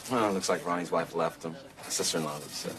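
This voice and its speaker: An actor playing a police officer who brushes off a report in brisk, official words. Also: male voice, deep voice, noisy background, lightly acted. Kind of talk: film drama.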